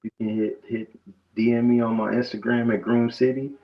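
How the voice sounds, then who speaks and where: A man who is a barber, interviewed casually as a guest, tells his story loosely with lots of restarts. His medium-pitched voice stays level at a moderate pace, and the audio sounds dull and muffled, lo-fi.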